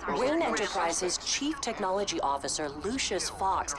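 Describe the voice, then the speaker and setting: A formal game news reporter delivers a scripted bulletin. The sound is distant, with clear noise behind it. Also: female voice, medium pitch, big pitch swings, a little slow. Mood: neutral formal.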